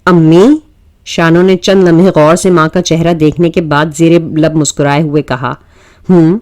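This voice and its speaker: A woman reading a romantic novel aloud in steady storytelling narration, with the odd stumble. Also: sits low, dry recording.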